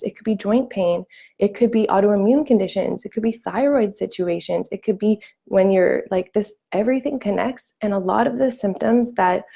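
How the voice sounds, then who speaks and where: Gravelly-voiced woman hosting a live wellness talk. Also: medium pitch, warm tone. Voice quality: gravelly morning voice. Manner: chatty, many fillers and restarts. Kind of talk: live-streamed talk with viewer questions.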